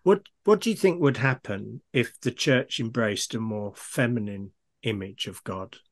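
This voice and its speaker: Musing male interviewer, mid-pitched voice. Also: measured pace. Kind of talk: conversational interview.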